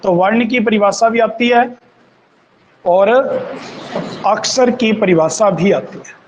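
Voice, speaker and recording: A man teaching an online grammar class, slowly dictating definitions and repeating phrases for students to copy down. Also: sits high, a little hiss or hum, low-quality recording. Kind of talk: online Hindi grammar lesson.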